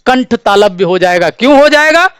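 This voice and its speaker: A man's voice: very high-pitched, expressive, moderate pace, fairly bright tone, smooth, no room sound, clean studio sound. A man teaching a grammar lesson for an exam, asking questions and answering them himself, repeating each key term. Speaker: Hindi teacher.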